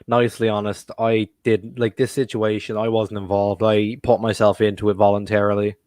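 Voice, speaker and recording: A man in a casual chat, bluntly and calmly giving his view and advice. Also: lowish voice, normal speed, no room sound, studio quality. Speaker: friend joining the chat.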